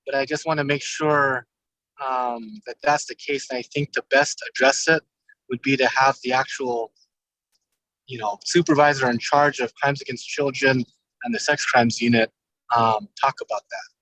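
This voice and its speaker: A man's voice: medium pitch, steady tone, moderate pace, pushed and bright, no echo, poor audio. A man, a police commander, calling in hands-free on a car speakerphone while driving, speaking carefully and politely and taking care not to misspeak. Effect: car speakerphone call. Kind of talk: community meeting remarks. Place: inside a moving car. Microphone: hands-free car phone.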